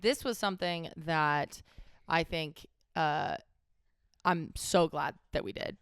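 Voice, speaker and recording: A woman chatting casually as a co-host, pausing to search for words and correcting herself as she goes. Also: low voice, fairly bright tone, clean tone, dry recording, clean studio sound. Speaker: podcast or vlog co-host. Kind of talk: casual chat about their own wedding.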